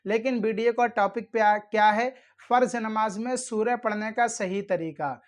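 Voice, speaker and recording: Addressing his viewers directly and formally, a channel host gives sincere religious instruction on the rules of prayer and repeats his warnings. His voice is high and his pace moderate.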